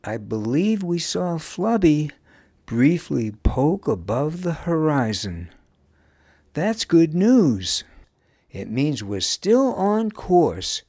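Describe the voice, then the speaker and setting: A kindly male guardian from a storybook, as a man puts him on, who soothes and encourages the children around him. His voice is raised and mild, and it moves slowly and patiently. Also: a little high, sing-song, pitched above the performer's own voice, exaggerated voice. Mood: reassuring. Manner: gentle and reassuring.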